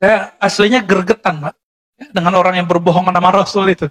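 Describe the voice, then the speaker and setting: Man, high voice, Indonesian accent, preacher, conversational sermon, tag questions to listeners. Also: fairly even intonation, fairly quick, a bit bright. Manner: conversational lecturing, addresses listeners as Pak, frequent "ya" tags. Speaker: Islamic preacher.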